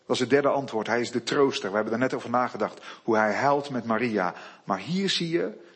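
Husky-voiced male preacher, soft to fervent. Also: mid-range voice, animated. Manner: slow, quiet Bible reading, rising to loud emphatic preaching. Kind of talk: sermon.

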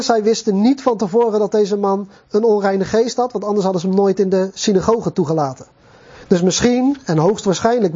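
A man preaching a sermon to his congregation in a conversational way, with pauses and fillers, on a dull lo-fi recording. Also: high-pitched, mellow, husky.

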